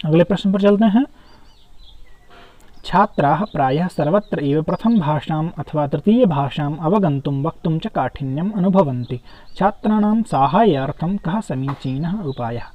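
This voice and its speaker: A man's voice: sits high, no echo. A man teaching an exam-prep lesson, reading each question aloud and then explaining it to viewers he calls friends. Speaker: teacher solving an exam paper. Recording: dull, dry, lo-fi recording.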